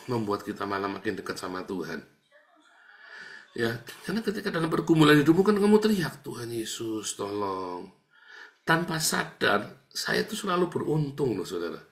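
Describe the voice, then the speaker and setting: Conversational male pastor preaching. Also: medium pitch. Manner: conversational, often tags lines with "saudara"; swings between emphatic raised lines and quiet murmured prayer. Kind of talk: sermon.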